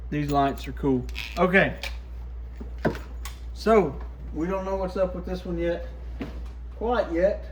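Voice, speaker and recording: Speaking in a voice that sits high, a man who hosts a radio shop tries out gear by hand, pausing often and going slowly. His remarks are short, casual, and muttered, like thinking out loud, over clear background noise with clicks.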